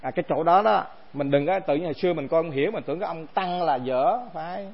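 A monk gives a dharma talk in a high, light voice. He keeps it conversational and keeps throwing rhetorical questions at his listeners. The recording is dull and lo-fi. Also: fast, gravelly, husky. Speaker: monk teacher.

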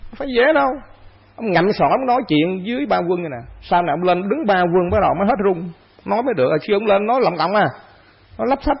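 A man's voice: high voice, gravelly, slightly rough, highs cut off. A man, a Buddhist monk, giving a conversational dharma talk to an assembly, asking himself questions and repeating phrases.

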